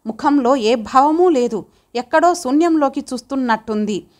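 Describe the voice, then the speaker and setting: A woman reading an audio story as a storyteller, calm and measured. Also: sits high. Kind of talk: scripted narration.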